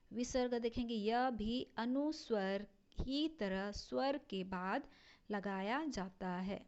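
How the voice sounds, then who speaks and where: A woman teacher, slowly explaining a lesson and drawing out her example words. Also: medium pitch, darkish tone. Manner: slow, deliberate, stretches out example words. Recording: dull lo-fi recording.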